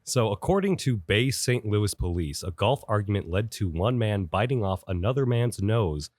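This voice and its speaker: A man's voice: fairly low pitch, expressive, moderate pace, a little mellow, no room sound. A man, the show's producer, reading golf news headlines aloud in the studio. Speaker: podcast producer. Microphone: studio microphone.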